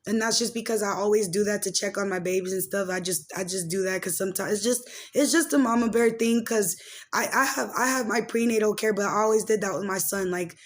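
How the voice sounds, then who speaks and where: Speaking fairly quickly in a medium-pitched voice, a woman in her late twenties rambles through gossip commentary and personal news on her casual podcast. Her loose, slangy chatter is packed with filler words.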